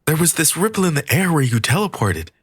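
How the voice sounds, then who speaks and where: A frightened, bewildered woman, as a male audiobook reader puts her on, pitched high with a breathless, urgent lift and lively swings. Her voice keeps a husky edge, close and dry. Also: fast, dry recording. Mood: anxious. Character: frightened, bewildered woman caught in strange events.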